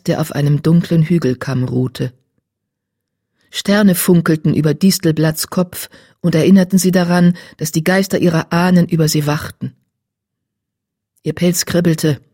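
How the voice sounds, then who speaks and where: Audiobook narrator, measured storytelling, husky voice, middle pitch, dry close recording. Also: warm tone, no echo.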